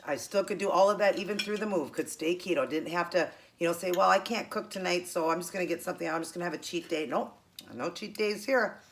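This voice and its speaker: A woman's voice: lowish voice, slight background noise. A middle-aged American woman with a tongue piercing, chatting casually to viewers while she eats. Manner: talking while eating, with pauses to chew. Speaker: host of a keto eating show.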